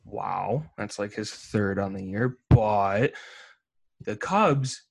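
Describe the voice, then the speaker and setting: A man of twenty, co-hosting a casual sports podcast, teasing and animated, stammering as he tries to cut in. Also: fairly low pitch, slow pace, gravelly. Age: 20s. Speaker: podcast co-host.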